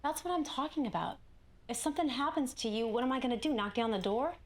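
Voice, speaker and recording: A woman playing a weary, uneasy sleepwalking wife in naturalistic found-footage horror, speaking hesitantly in a sometimes breathy voice. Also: high-pitched, quick pace, lightly acted. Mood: uneasy, protesting.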